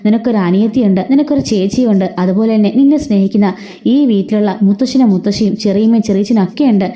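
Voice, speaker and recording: A woman voicing an outspoken young woman who defends her sister with sharp, scolding questions in a told story. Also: medium pitch, quick pace, lightly acted. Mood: indignant.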